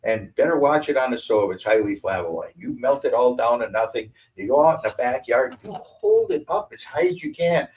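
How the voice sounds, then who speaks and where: Older man, from Wisconsin, storytelling talk, animated, acts out quoted voices, mic a bit distant. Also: mid-range voice, fairly quick, hardly any pauses. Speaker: guest speaker.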